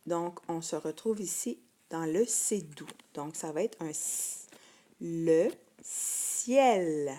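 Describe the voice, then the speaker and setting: A woman's voice: deep voice, a little slow, warm tone. A woman teacher with a Québécois French accent, giving a patient phonics lesson to first graders and repeating each word twice.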